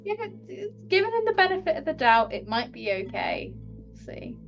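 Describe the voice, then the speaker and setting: A woman's voice: high-pitched, sing-song, moderate pace, gravelly. A woman tabletop player chatting casually and informally about a game. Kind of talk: casual chat. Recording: slightly dull sound, faint music. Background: faint music.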